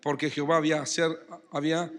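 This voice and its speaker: A man's voice: a little high, flat delivery, fast talker, fairly bright tone, long reverb tail. A man preaching a sermon as pastor with an Argentine Spanish accent, acting out quotes and building emphasis. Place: church hall.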